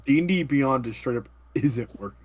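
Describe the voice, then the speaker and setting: A man's voice: medium pitch, brisk. A man joking around and swearing freely in casual chat before a tabletop game. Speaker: player.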